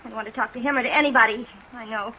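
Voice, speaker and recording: A woman's voice: a little high, rapid-fire, a little hiss or hum, low-quality recording. An actress playing a desperate, bitter, fearful young woman in a 1950s radio drama, emotional and plaintive, on a vintage recording. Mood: weary, despairing. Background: steady rain sounds.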